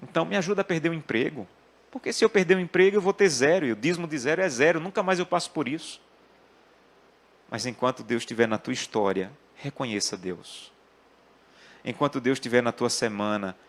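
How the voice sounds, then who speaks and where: A man's voice: mid-range voice, lively intonation, fairly quick. A man preaching an earnest sermon and telling personal family stories. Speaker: pastor.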